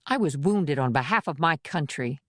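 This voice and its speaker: In this studio-quality, dry audiobook recording, a man with a fairly high, slightly bright, expressive voice narrates at normal speed. He plays a cold, menacing female agent holding a gun in a thriller, delivering her lines in a taunting, threatening way.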